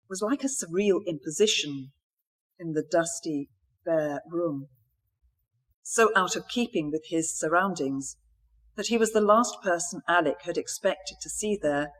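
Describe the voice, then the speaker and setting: A woman's voice: fairly low pitch, animated, a little slow. Woman author reading her novel aloud.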